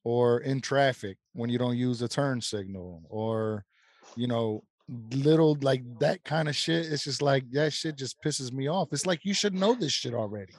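A man co-hosting a podcast in casual chat, relaxed and conversational. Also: medium pitch, normal speed, no echo, clean studio sound. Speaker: podcast co-host.

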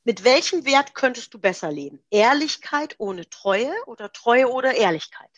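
A woman's voice: fairly high pitch, lively intonation, moderate pace, no room sound, highs cut off. A middle-aged woman coach explaining self-coaching exercises step by step in an interview, in a practical, example-driven way.

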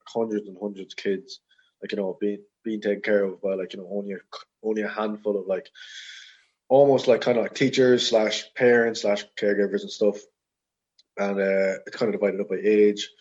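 As a guest on a podcast, a young man from Ireland in his twenties rambles informally through a casual, personal conversation. His voice is fairly low, a little mellow, and husky. The recording sounds slightly dull and lo-fi.

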